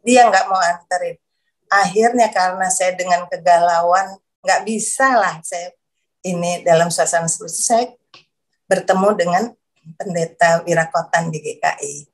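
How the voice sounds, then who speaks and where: A woman's voice: fairly low pitch, steady tone, moderate pace. A woman giving a personal testimony in a casual, hesitant way, repeating herself and searching for words, growing emotional as she speaks. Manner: emotional, voice rises when moved. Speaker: guest giving a conversion testimony.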